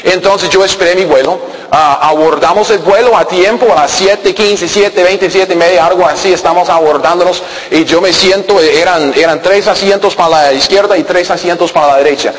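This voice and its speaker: A man, a pastor telling a story in a sermon, halting and restarting often and checking that listeners follow. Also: high-pitched. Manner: halting, with many repeated words and restarts; conversational, asking listeners if they follow. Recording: long reverb of a large hall.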